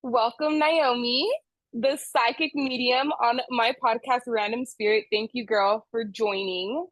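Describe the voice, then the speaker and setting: A giggly, chatty woman hosts a casual podcast interview. Her voice sits a little high and sounds close and dry, with no room around it. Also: steady tone, a little slow, a bit bright, dry recording, low-quality recording. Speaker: podcast host.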